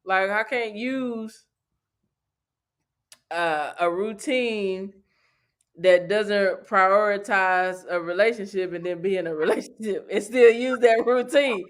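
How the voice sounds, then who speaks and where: A man's voice: high voice, slow pace, clean tone. A man hosting a casual podcast, laid-back and repeating phrases as he builds a point. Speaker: podcast host. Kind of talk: casual podcast chat about reentry.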